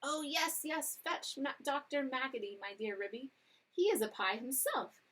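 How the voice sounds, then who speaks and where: A woman's voice: high voice, expressive, normal speed, fairly bright tone, voice pushed up. A woman voicing an anxious, genteel lady dog in a storybook reading, polite and moaning.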